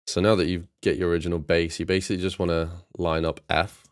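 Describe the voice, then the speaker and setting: Deep-voiced man with dry sarcasm. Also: flat delivery, fast, very noisy. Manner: dry sarcastic, laid-back, chats to viewers while working. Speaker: music producer streaming live. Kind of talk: casual live-stream chat with sarcastic asides.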